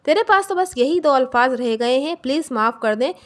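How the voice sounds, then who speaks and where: A woman's voice: high-pitched, animated, normal speed. A woman voicing a short-tempered adult husband who rebukes and insults his wife in a storybook reading. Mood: angry scolding.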